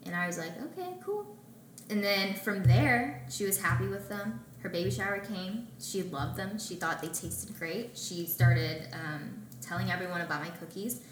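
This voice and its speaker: A young adult woman, a guest on an interview show, telling her story in a casual way and acting out conversations with lively back-and-forth. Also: lowish voice, a little hiss or hum. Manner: animated, acts out conversations in quick back-and-forth. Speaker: podcast guest, small bakery founder. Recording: roomy echoey room.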